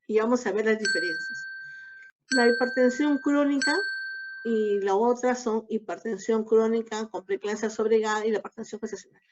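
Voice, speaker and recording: A woman giving a recorded obstetrics lecture, explaining each slide in a measured way. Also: fairly high pitch. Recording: dull lo-fi lecture audio.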